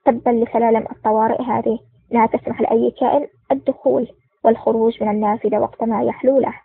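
A woman's voice: on the high side, level tone, quick pace, gravelly, breathy edge, no echo. A woman voicing a sly, wheedling male villain in an audiobook, read without much change from her narrating voice, on a tinny line. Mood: angry. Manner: wheedling, then angry shouting. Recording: dry, tinny phone-like sound.

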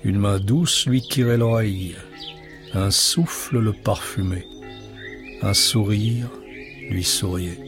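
A man narrating a children's bedtime story in a gentle, measured way. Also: lowish voice, fairly even intonation. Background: music.

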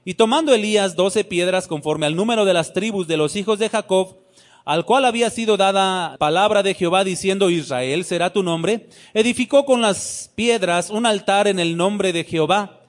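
A man's voice: high voice, normal speed. A preacher reading scripture aloud and retelling it dramatically to his congregation in a sermon.

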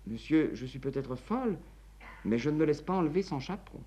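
A man's voice: a little high, expressive, brisk, warm tone, a little hiss or hum, voice pushed up, natural voice. A man voicing a young woman who is eloping at night, nervous yet firm, in a read-aloud play. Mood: anxious. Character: young woman eloping, anxious but determined.

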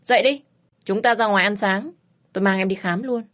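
A woman's voice: medium pitch, a little fast, fairly bright tone, natural voice. A woman voicing a young man who teases and insists with his reluctant bride-to-be. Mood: teasing. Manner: teasing, insistent. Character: teasing, pushy young fiancé.

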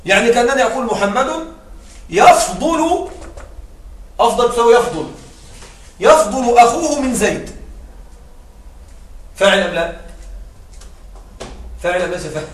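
A man teaching an Arabic grammar lesson who explains step by step, repeats his examples and keeps checking with quick rhetorical questions. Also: extremely high pitch, lively intonation, roomy sound, far from the mic, a little hiss or hum.

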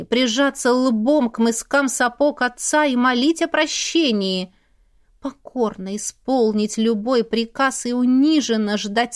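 Expressive woman narrating a fantasy audiobook. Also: fairly high pitch. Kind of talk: first-person audiobook narration.

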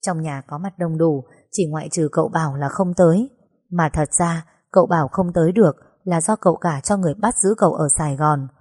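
Husky-voiced woman narrating a sad story. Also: low-pitched, darkish tone. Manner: sorrowful, measured storytelling. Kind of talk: first-person story reading.

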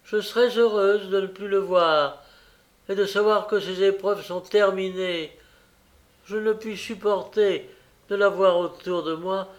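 A man reading a novel aloud and voicing a sullen, sharp-tongued young woman with a raised, mocking delivery. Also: high voice, steady tone, unhurried, voice pushed up. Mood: bitter. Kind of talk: audiobook character reading.

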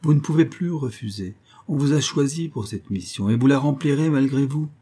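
A man's voice: mid-range voice, normal speed, warm tone, voice pushed up, close to an everyday voice. A man voicing a sinister, mysterious male stranger who speaks insistently and with menace in an audiobook. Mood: menacing. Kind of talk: audiobook character voice.

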